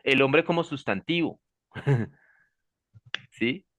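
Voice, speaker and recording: A man's voice: mid-range voice, expressive, slow pace, a bit bright, dry recording, studio quality. A man teaching a class, explaining step by step and often checking that students follow him. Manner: checks understanding with frequent "¿sí?" and "¿listo?"; gives warnings like "ojo" and "pilas". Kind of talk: classroom lecture.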